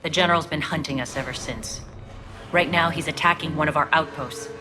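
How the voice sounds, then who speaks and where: A woman's voice: low-pitched, fairly quick, natural voice. A woman playing a guarded, resolute alien gang leader in a video game, speaking in a clipped, commanding way. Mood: guarded, earnest. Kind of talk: dramatic video game dialogue.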